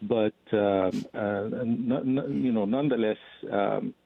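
A man speaking as a guest scholar on a call-in show, halting, with many fillers and repeated words. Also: fairly low pitch, creaky, husky, dry recording. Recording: tinny phone line, dry.

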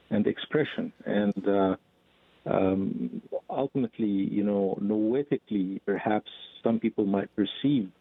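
Halting man on a tinny phone line. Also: lowish voice, vocal fry, no echo. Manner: halting, many fillers and repeated words. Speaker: guest scholar on a call-in show. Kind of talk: discussion on a call-in show.

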